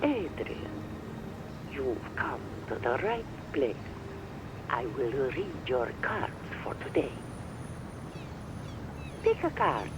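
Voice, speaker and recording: A man's voice: mid-range voice, huge pitch swings, slow, long pauses, background noise. A man voicing a mysterious, foreboding fortune teller in a video game, with a dramatic, portentous delivery. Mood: mysterious, knowing.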